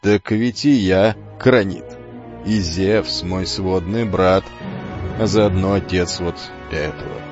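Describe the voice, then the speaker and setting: A man voicing a wise old male centaur who speaks slowly and calmly in a measured way. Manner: slow, low, measured. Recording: dull lo-fi with faint music.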